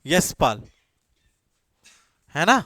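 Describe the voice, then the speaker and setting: A man with a high, light voice runs an exam-prep class, firing the same question again and again before he answers it himself. He slips English phrases into his speech and. The sound is dry, close and free of room echo. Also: sing-song, drawn-out words, bright, forceful tone. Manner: quizzes students with repeated questions, then answers himself. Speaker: coaching teacher.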